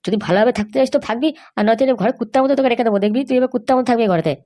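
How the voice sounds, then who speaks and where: A woman voicing a hot-tempered young husband in a cartoon, threatening and shouting insults. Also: on the high side, racing, close to an everyday voice. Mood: angry. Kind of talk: cartoon voice acting.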